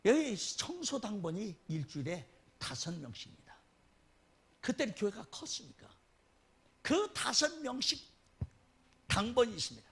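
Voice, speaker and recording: A man preaching a sermon as a guest pastor, animated and often laughing as he tells stories. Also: breathy edge. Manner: animated, laughing, dramatic swings in pitch.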